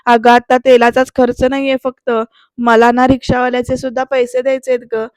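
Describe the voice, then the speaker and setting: A woman lends her own voice to a gentle middle-aged schoolteacher mother. She coaxes and pleads softly, sprinkling her talk with fond little fillers. The voice sits high but moves in a narrow band, close and dry. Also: little pitch movement, fairly quick, dry recording, close to an everyday voice. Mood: coaxing.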